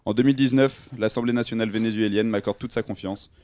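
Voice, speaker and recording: A man's voice: lowish voice, steady tone, quick pace, a little mellow, dry recording, natural voice. A young man playing a self-assured male politician, addressing the nation in a solemn, proud speech on student radio. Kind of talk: student radio role-play.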